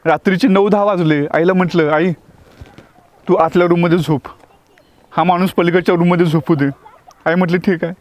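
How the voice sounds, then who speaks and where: A man's voice: sits high, steady tone, fairly quick, long pauses. A man who teaches acting tells a personal devotional experience as a story. He talks vividly, acts out the dialogue, and often restarts his words.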